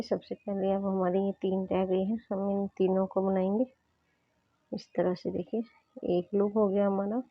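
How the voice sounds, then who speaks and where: A woman's voice: mid-range voice, slightly rough, no echo. Female crochet tutor, sore throat, patient step-by-step teaching; narrow phone-like audio, dry. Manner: patient, repeats "dekhiye" while demonstrating. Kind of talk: step-by-step craft instruction. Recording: tinny phone-like sound.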